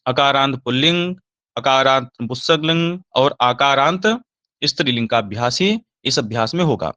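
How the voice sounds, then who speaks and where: A man teaching Sanskrit grammar, slowly reciting verb forms in a recorded lesson, with a Hindi accent. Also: medium pitch, pushed and bright, no echo.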